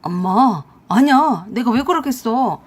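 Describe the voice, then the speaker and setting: A woman's voice: medium pitch, animated, normal speed, breathy edge. A woman voicing a lazy, scheming middle-aged husband who talks in a defensive, wheedling way, as in a radio drama. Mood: panicked.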